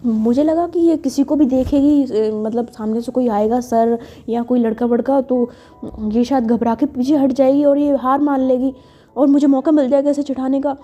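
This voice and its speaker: A woman's voice: sits high, fairly even intonation, moderate pace, dark tone. A woman voicing a flustered young friend who stammers and talks defensively. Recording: dull lo-fi with faint music.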